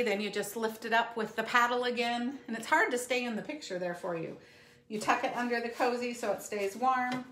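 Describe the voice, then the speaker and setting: A middle-aged woman with a slightly high voice talks viewers through a live cooking demo. She chats in a friendly, easygoing way while she works. Her voice is caught by a camera across the counter in a roomy home kitchen with a light background hiss. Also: a bit bright. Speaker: cooking show host. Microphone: fixed camera across the counter.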